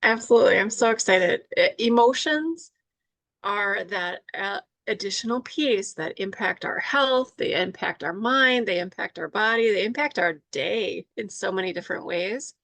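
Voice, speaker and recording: A woman's voice: medium pitch, moderate pace, gravelly, fairly bright tone, no echo. A woman who is a health coach and guest on a talk show, speaking in an enthusiastic, upbeat casual way. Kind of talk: casual conversation.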